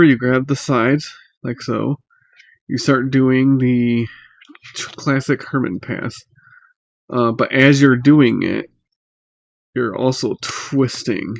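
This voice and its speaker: A man giving a casual, unscripted tutorial in a halting, hesitant way, pausing mid-phrase, recorded on a laptop microphone. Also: medium pitch, creaky, no echo, lo-fi sound. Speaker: magic tutorial host. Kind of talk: casual unscripted how-to explanation. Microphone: laptop built-in mic.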